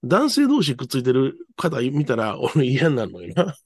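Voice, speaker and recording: A man's voice: medium pitch, huge pitch swings, moderate pace, darkish tone, slight background noise. A man with a Kansai accent talking casually as a co-host on a talk show. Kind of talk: casual chat.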